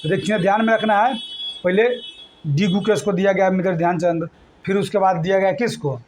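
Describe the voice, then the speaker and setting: A man's voice: sits high, fairly even intonation, normal speed, slight background noise. A male teacher leading a classroom exam-prep lesson, quizzing students with call-and-response questions and repeating mnemonics. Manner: repetitive mnemonic chanting.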